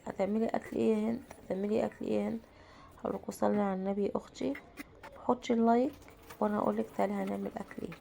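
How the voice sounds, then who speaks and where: A woman in her thirties, a mother and home vlogger with an Egyptian Arabic accent, narrates her cooking day casually while nursing a cold. Her medium-pitched voice is gravelly and mellow, and she chats away, posing questions to herself and answering them.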